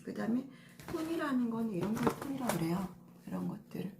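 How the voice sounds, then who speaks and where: A woman's voice: a little high, sing-song, brisk, noisy background. A middle-aged woman stylist giving a casual lesson on color coordination, patient and step by step with many fillers. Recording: echoey room with faint ambience.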